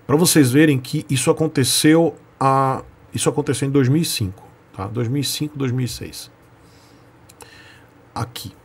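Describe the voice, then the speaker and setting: A man's voice: fairly high pitch, slightly rough. Emphatic Brazilian man telling a story. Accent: Brazilian Portuguese. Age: 40s. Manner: emphatic, repetitive, talks straight to viewers. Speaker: channel host. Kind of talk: casual storytelling to camera.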